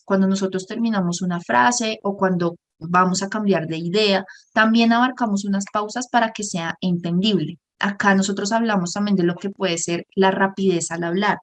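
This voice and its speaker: A woman, teaching a workshop lesson on speaking skills in an explanatory way, often pausing to give examples. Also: medium pitch. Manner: explanatory, often pauses on "por ejemplo". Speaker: communication workshop instructor. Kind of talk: online lesson.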